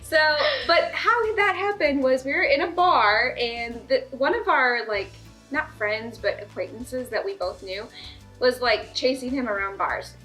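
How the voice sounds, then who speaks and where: A woman's voice: a little high, measured pace, a bit bright, soft background music. A woman in her thirties, co-hosting a casual chat show and telling a rambling story with lots of giggles. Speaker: podcast co-host.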